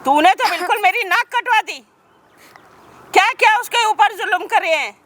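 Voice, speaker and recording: A woman's voice: very high voice, expressive, moderate pace, fairly bright tone. A woman playing an outraged mother-in-law who scolds her daughter, in a staged street skit. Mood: scolding. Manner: scolding, indignant.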